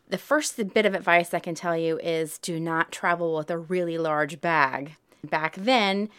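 A woman in her forties with a Southern US accent, a high school math teacher chatting candidly in an interview and laughing often. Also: a bit bright, clear, resonant tone. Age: 40s. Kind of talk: casual interview.

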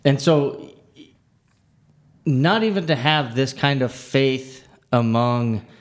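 A man co-hosting a casual Bible discussion, talking earnestly and haltingly, with frequent restarts and "you know". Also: mid-range voice, animated. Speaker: Bible study podcast co-host.

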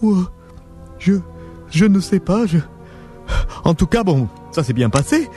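A man's voice: high-pitched, sing-song, measured pace, darkish tone, faint music behind. Man playing a stammering, pushy rich man. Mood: bewildered. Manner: stammering, bossy, laughs at his own words. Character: rich, pushy, boastful man in his home. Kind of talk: radio drama acting.

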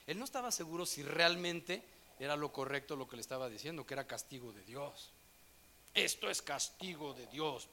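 A fairly high-voiced man preaching to a congregation in a church hall. He tells anecdotes with lively swings, dropping low to read scripture and rising loud for the punch lines. A faint hiss sits under the recording. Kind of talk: sermon.

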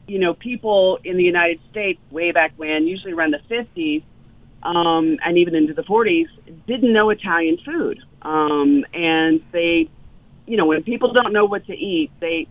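As a guest in a casual interview, a woman chef from Louisiana, US South, tells stories in a lowish voice. She's in her fifties, animated, and frequently says um. The recording is a dry, tinny phone line.

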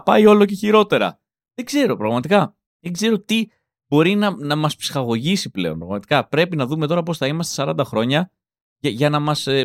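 A man's voice: a little high, no room sound, studio quality. A man in his thirties, a comedian hosting his podcast, telling rambling, self-mocking stories in a comic monologue. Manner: animated, rambling, self-mocking, acts out quotes.

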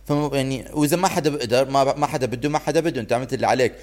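This is a man co-hosting a casual podcast. He talks quickly at a middle pitch and drops English phrases into his chat. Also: a little mellow. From Iraq. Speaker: podcast co-host.

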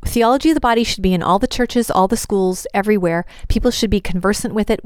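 A woman, a religious sister, giving a lively podcast teaching talk, emphatic and quick to laugh, posing questions and answering them herself. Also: medium pitch, no room sound, clean studio sound.

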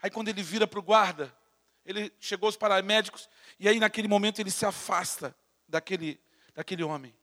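A man with a Brazilian Portuguese accent preaches in a very high, bright, forceful voice, swinging from fervent peaks to hushed intensity. He stammers and repeats words as he builds each point. His voice rings with the long reverb of a large church hall. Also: fairly quick. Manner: impassioned preaching, swinging between loud fervor and hushed intensity. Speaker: pastor. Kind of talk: sermon.

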